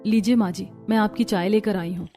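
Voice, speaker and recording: A woman voicing a caring young daughter-in-law in an animated cartoon, speaking politely and eagerly. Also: medium pitch, fairly quick, soft background music, lightly acted.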